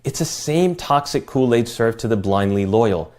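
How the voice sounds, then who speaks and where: A man delivering a scripted response statement in a calm, well-spoken, measured way. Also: medium pitch.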